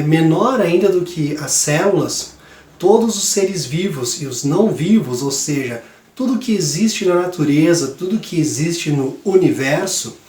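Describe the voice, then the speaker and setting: A man teaching a science lesson to young students in a chatty, relaxed way, his voice hoarse from a cold. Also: fairly high pitch, echoey room. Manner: chatty, relaxed, many fillers. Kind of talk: classroom lesson for kids.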